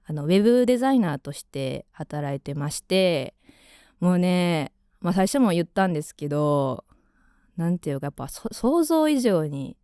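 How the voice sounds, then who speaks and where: A woman's voice: deep voice, a little mellow, clear, resonant tone, dry recording. Kansai girl in her 20s rambling on a radio show, lots of fillers, dry close mic. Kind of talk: casual radio chat.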